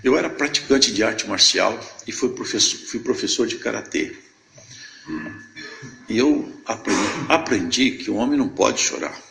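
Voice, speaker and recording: Older man with a gravelly voice giving a testimony. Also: on the low side, animated, normal speed, sharp tone, reverberant, slight background noise, poor audio. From Brazil, Minas Gerais. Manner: storytelling that acts out remembered dialogue. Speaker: church member giving testimony. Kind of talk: emotional church testimony.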